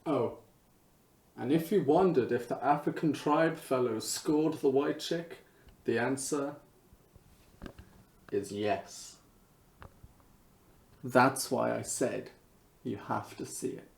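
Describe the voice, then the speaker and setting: A man giving a hammy, theatrical dramatic reading like a stage actor, with dramatic pauses and swells. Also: mid-range voice, vocal fry. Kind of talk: dramatic reading of a spam e-mail. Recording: echoey, roomy sound.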